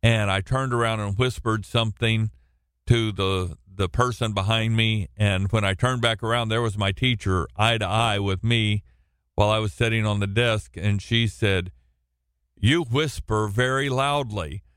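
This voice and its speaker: A man with a fairly low, steady voice works through a Bible passage on the radio, speaking alone in the studio. He projects loudly but stumbles, often restarting and repeating words. The recording is smooth, dry, and studio quality.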